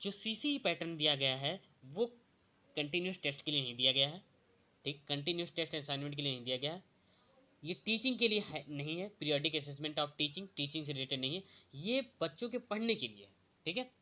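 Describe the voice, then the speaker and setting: A young man teaching exam prep, explaining questions step by step and slowly reading out the answer options. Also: a little high, lively intonation, bright, forceful tone. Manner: repeats "okay" often, reads options slowly.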